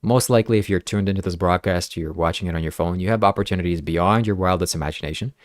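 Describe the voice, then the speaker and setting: Speaking quickly in a low voice, the podcast host, whose first language is Ukrainian, reads viewers' comments aloud with earnest care. It's relaxed livestream chat, captured dry and at studio quality.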